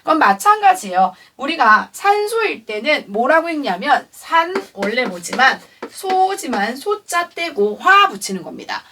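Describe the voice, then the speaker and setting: A woman teaches a chemistry class in a bright, animated voice that swings up and down. She keeps asking the room questions and then answers them herself, patiently. She sounds a little off-mic, as if picked up from across a classroom. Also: high-pitched, a little slow, distant mic, a little hiss or hum. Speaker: science teacher. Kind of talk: classroom lecture.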